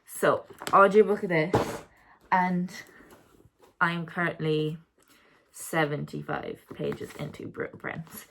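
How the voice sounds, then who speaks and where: Chatty young woman, low voice. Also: slow, gravelly, background noise. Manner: chatty, rambling, corrects herself mid-sentence. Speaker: book vlogger. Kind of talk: casual reading wrap-up chat.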